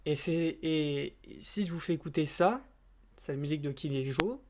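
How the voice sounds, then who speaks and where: A man's voice: on the high side, normal speed, noisy background. A man chatting casually to camera as a YouTuber. He rambles and hesitates, with many fillers and restarts, in informal, slightly crude speech.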